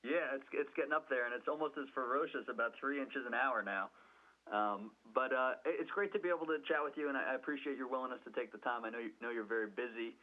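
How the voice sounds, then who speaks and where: Man, reporter, quick pace, mid-pitched, chatty courteous interviewing, narrow phone-like radio sound. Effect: phone or radio line. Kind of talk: friendly interview questions. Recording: tinny phone-like line.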